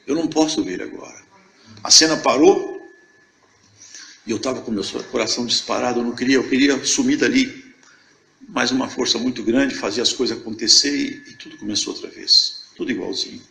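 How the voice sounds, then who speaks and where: An older man from Viçosa, telling his religious testimony as a lively storyteller who acts out the dialogue. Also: medium pitch, a little fast, creaky, echoey room, a little hiss or hum. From Brazil, Viçosa. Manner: animated storyteller acting out dialogue. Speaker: church member giving testimony.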